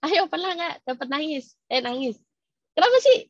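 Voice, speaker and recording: A woman speaking in a casual, lively webinar talk to staff, teasing and quizzing her listeners. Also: sits high, measured pace, dry recording, muffled recording.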